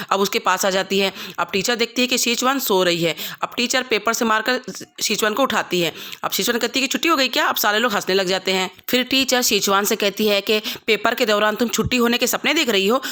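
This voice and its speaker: Woman narrator, quick storytelling pace, bright voice, drama recap. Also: fairly high pitch. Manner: fast, quoting every character in the same voice. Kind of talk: storytelling recap with quoted dialogue.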